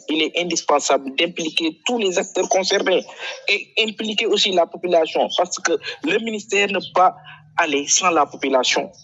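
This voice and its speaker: A man answers a radio interviewer, stumbling and repeating words as he searches for them. His voice is bright and fairly high. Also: rough recording. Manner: hesitant, many repeated words and fillers. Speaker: flood prevention activist, guest.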